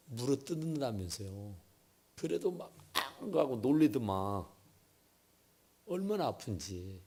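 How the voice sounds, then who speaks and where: A man preaches in a church, moving at an unhurried pace. His voice is mellow and a little husky. It rises and falls in a lively way, with sudden loud bursts and hushed asides as he tells his story. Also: medium pitch. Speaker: pastor. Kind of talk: sermon. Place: church sanctuary.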